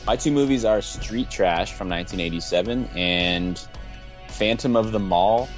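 Male co-host, very deep voice, thoughtful casual takes, faint music under. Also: normal speed, dull audio. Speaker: podcast co-host. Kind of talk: casual podcast chat.

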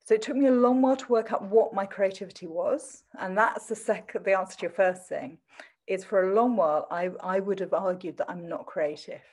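A woman's voice: medium pitch, a little fast, a little mellow, husky. A middle-aged woman from Essex with an adopted standard English accent and traces of Essex, talking thoughtfully and self-deprecatingly in a conversational interview. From Southend in Essex, England. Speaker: teacher and interview guest.

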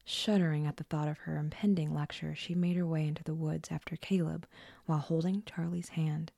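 A woman narrating a scripted horror story in a hushed, often whispered delivery. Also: deep voice, fairly even intonation, fairly quick, creaky, no echo.

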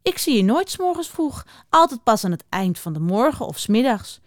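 A bubbly, eager storybook hare who bounces with excitement and chatters on, as a woman reading aloud puts him on. The voice springs high and lively, close and dry. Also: fairly quick, no echo. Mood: bouncy eager.

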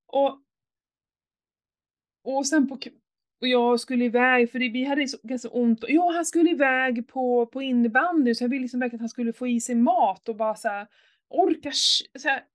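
A middle-aged woman with a fairly high voice, talking candidly in a relaxed chat. She tells her story with feeling and curses freely, and her voice rises sharply when she gets worked up. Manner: emotional, animated storytelling with swearing.

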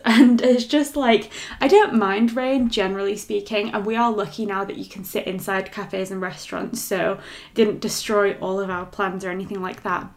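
Young woman co-host, relaxed chatter, self-mocking, quick to laugh. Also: mid-range voice. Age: 20s. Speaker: podcast co-host. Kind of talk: casual chat.

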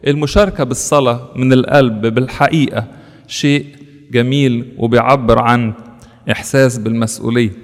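A man's voice: medium pitch, in a large hall. A man with an Egyptian Arabic accent, a priest giving an earnest sermon that is full of rhetorical questions and lists.

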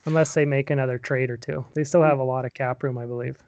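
A man chatting loosely as a podcast guest, hesitant and quick to laugh. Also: medium pitch, fairly even intonation, darkish tone, dry recording. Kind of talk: casual hockey chat.

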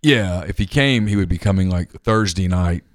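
A low-voiced man speaking at normal speed co-hosts a sports radio show, joking wryly and reading out listener questions. The recording is dry, made on a studio microphone in a radio studio, and the chat is casual.

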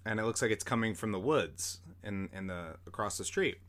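A man's voice: fairly low pitch, a little fast, a bit bright. Young guy rambling through a story on a podcast, lots of likes and you knows, swears a bit. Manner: rambling, full of fillers and casual swearing. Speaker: podcast host. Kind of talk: casual storytelling.

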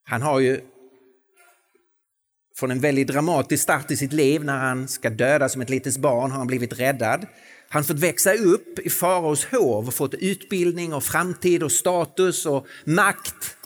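A man preaching a sermon, swinging between quiet reflective passages and slow, emphatic, rising phrases. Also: a little high. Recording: long hall reverb.

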